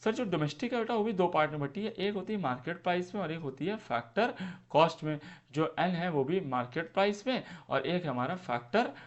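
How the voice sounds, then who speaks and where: A man's voice: high voice, lively intonation, a little fast, dull audio. A man teaching an exam-prep lecture who asks his students questions and answers them himself, repeats key terms and mixes in English phrases. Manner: calls students "beta".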